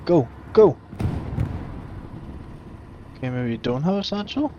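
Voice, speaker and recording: A man's voice: fairly high pitch, expressive, unhurried, background noise. A man giving casual, jokey live commentary on a game stream, swearing freely and laughing often. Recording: muffled stream audio with loud game gunfire. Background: gunfire, artillery and vehicles from the game.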